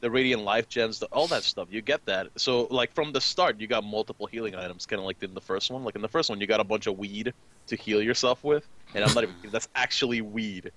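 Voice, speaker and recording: A man co-hosting a casual podcast over a video call, blunt and profane, quick to argue his point. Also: on the low side, a bit bright. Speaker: podcast co-host. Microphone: computer mic on a video call.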